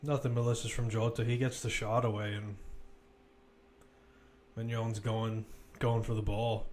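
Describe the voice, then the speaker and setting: A man offers laid-back live football play-by-play, conversing and thinking out loud as the action moves. His lowish, darkish voice has a flat delivery at a measured pace, with a little hiss or hum.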